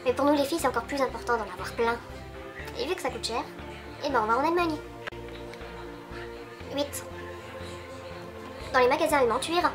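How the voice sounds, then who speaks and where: A woman's voice: high voice, brisk, long pauses, over music. A young woman from the French side of the German border, joking through a comic video monologue and talking straight to her viewers. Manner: playful, teasing, addresses viewers directly. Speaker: vlogger.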